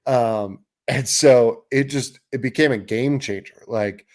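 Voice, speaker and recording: A man co-hosting a fishing talk show, his pitch sitting in a middle range. He tells a long story in a relaxed, chatty way and brings it to life by acting out what people said. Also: takes it slowly. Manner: animated storyteller, acts out quotes, laughs while telling. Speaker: podcast co-host. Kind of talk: casual storytelling chat.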